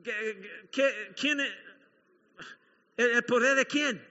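A man's voice: very high-pitched, drawn-out words, bright, forceful tone. A man preaching a sermon to a congregation as pastor, emphatic, repeating key phrases and putting questions to the room. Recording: dull recording with long hall reverb.

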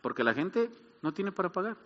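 A man's voice: sits high, big pitch swings, a little fast, long reverb tail, lo-fi sound. A middle-aged man, preaching a sermon as pastor, building emphasis and asking rhetorical questions.

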